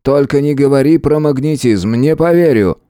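A man voicing a sarcastic, dismissive male police department chief with a mocking, sharp-tongued manner in an audiobook. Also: mid-range voice, moderate pace, no echo, clean studio sound, voice pushed up, lightly acted. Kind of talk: audiobook character voice.

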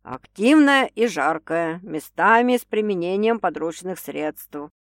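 A woman reading an audiobook, voicing a teasing, domineering young man who speaks slowly and wryly. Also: animated, no echo, clean studio sound. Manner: slow, low and wry. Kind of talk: audiobook character voice.

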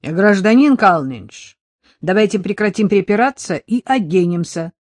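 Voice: mid-range voice, animated, a little slow, no room sound, clean studio sound. The audiobook reader voicing a stocky male militiaman who speaks in a stern, officious tone.

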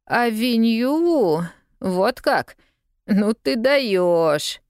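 A woman's voice: mid-range voice, expressive, unhurried, clean tone, dry recording, clean studio sound, voice pushed up, lightly acted. A woman voicing a cocky young street newsboy who talks in a slangy, scoffing, drawling way.

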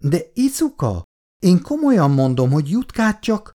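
A man's voice: sits high, big pitch swings, mellow, voice pushed up. A reader voicing an awkward young man who apologizes in a flustered, pleading way in a storybook reading.

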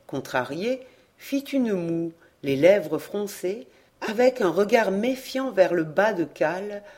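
Woman audiobook reader, classic novel, slow and measured, lowish voice. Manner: slow, measured, expressive reading. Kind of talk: literary audiobook narration.

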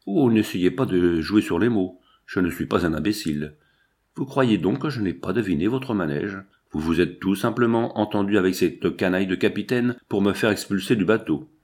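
A man voicing a shabby, suspicious male accomplice who is quick to anger and hurls indignant accusations in a storybook reading. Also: sits low, expressive, a little mellow. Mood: resentful.

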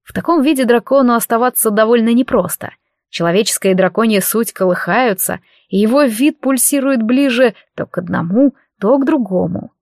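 A woman narrating a fantasy audiobook with lively, expressive storytelling. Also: on the high side, fairly quick, dry recording, clean studio sound.

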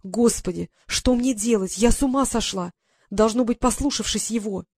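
A woman's voice: on the high side, normal speed, darkish tone, no echo. A reader voicing a frightened, naive young English lady who pleads and holds back tears. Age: young adult. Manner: pleading, tearful.

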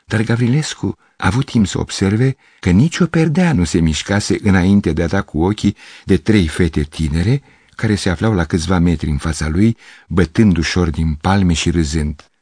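A man narrating a literary story as an audiobook, measured and expressive. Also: low voice, breathy edge, no room sound. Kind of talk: audiobook reading.

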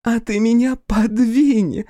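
Man doing a drunk, shrill young brawler woman. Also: fairly even intonation, takes it slowly, mellow, dry recording. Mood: taunting. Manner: shrill, mocking, slurred taunts.

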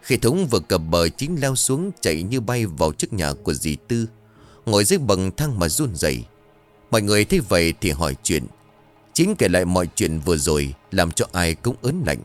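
Expressive male ghost-story narrator. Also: low-pitched, a little fast, faint music behind. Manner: dramatic, expressive.

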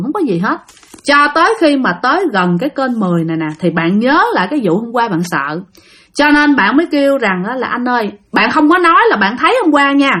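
A woman with a Southern Vietnamese accent telling a ghost story, animated and addressing her listeners directly. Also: mid-range voice.

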